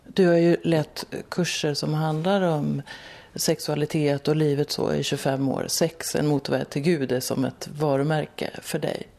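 A woman interviewer asking calm, measured questions. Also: sits low, gravelly.

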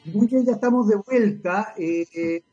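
A man's voice: sits high, unhurried, dark tone, lo-fi sound, faint music behind. A Chilean man hosting a casual radio interview, chatty and self-mocking, talking at length. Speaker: radio host.

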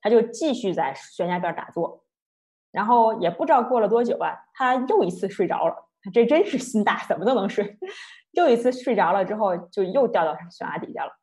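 A woman giving an online lecture, telling a story in a chatty, lively way. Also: mid-range voice, brisk. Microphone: online talk, computer mic.

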